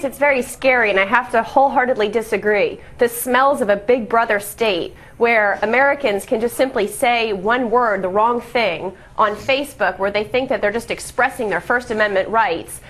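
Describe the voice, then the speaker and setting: A woman speaking as a defense attorney on a television legal panel. Her voice sits a little high, and she argues in an earnest, insistent way. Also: fairly bright tone. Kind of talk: news panel commentary.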